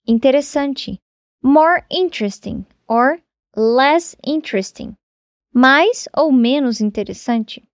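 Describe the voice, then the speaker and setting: A woman giving a scripted English grammar lesson, speaking slowly and carefully and spelling words out letter by letter. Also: on the high side, no echo, studio quality. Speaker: English teacher.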